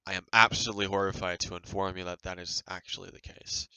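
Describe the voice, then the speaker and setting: A man's voice: deep voice, fairly even intonation, fast, sharp tone, clean tone, no room sound, low-quality recording. A man giving casual, rambling, defensive commentary as a game developer reacting to a review.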